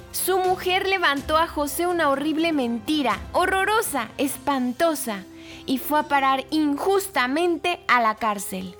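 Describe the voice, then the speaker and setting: A woman hosting a weekly children's story show, narrating in an animated, expressive way with emphatic repetition. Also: high-pitched.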